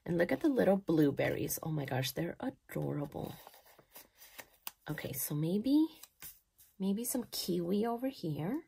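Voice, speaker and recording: A woman in her thirties talking her way through a planner layout in a relaxed, unhurried way. Her voice sits low with a gravelly edge, yet swings widely up and down as she gushes over little details and thinks aloud. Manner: chatty and gushing, thinking aloud, soft at times. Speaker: planner vlogger. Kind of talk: casual voice-over while decorating a planner.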